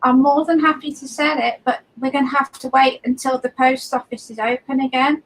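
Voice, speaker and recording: A woman's voice: high-pitched, level tone, fairly quick, rough recording. A woman chatting on a group video call, giggling often and talking freely. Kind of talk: casual chat on a video call.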